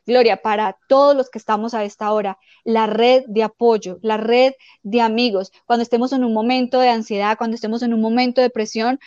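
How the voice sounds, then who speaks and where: A woman life coach giving calm, explanatory spiritual self-help advice, often acting out quoted dialogue. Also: a little high, no echo, muffled recording.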